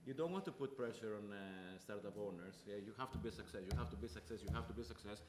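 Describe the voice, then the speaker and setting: A man's voice: fairly low pitch, quick pace, reverberant, noisy background. A man from Greece speaking as a panelist, earnest and repeating points for emphasis. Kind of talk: panel discussion.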